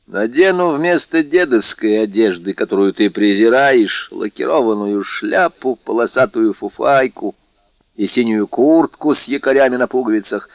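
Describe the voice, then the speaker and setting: A man's voice: medium pitch, lively intonation, moderate pace, no room sound, lightly acted. A man reading a poor, jealous young fisherman who speaks earnestly and insistently. The recording is dry and dull. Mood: pleading, jealous.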